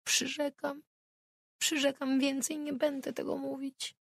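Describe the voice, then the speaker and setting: A narrator reading an audiobook and voicing a frightened little girl who cries and pleads in high, tearful tones. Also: unhurried, fairly bright tone, no echo, clean studio sound. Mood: pleading.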